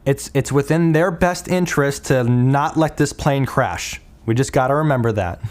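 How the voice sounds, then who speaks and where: A man's voice: mid-range voice, moderate pace, darkish tone. A young man from Minnesota hosting a casual solo podcast, rambling with lots of fillers and restarts. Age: young adult. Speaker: podcast host.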